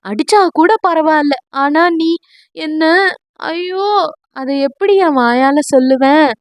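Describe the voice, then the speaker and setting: A woman's voice: high voice, slow pace, dry recording. Woman voicing a teasing, mock-wailing young husband. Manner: theatrical fake wailing.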